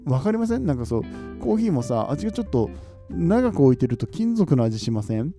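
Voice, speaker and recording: A man from Nagoya, Japan, hosting his podcast in a relaxed, chatty way, often chuckling and asking listeners questions. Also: a little high, fairly quick, over music. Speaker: podcast host. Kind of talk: casual solo chat.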